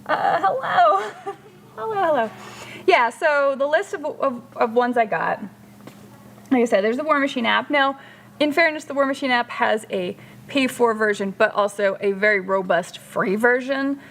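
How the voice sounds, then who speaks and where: A woman's voice: on the high side, moderate pace, fairly bright tone. A woman hosting a casual livestream chat, reading out and answering viewer comments. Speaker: streamer hosting a hobby chat.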